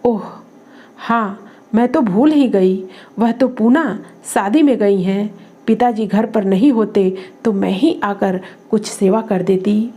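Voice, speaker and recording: Brief: woman narrator voicing a tart, scolding young woman, mellow tone, story reading. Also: mid-range voice, slow pace, close to an everyday voice. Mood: concerned. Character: young woman, sharp-tongued and teasing.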